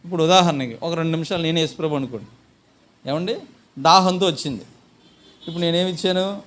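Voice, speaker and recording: A man's voice: fairly high pitch, fast, fairly bright tone, slight background noise. A man preaching a church sermon as pastor, firing rhetorical questions at the congregation and answering them himself, and acting out examples with a listener. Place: church service.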